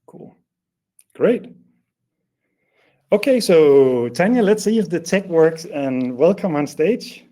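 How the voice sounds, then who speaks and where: A man's voice: a little high, expressive, slow, long pauses, warm tone. A man hosting an online webinar in a casual presenting style, often restarting his sentences and leaning on fillers. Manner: hesitant, many restarts and fillers. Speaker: webinar host.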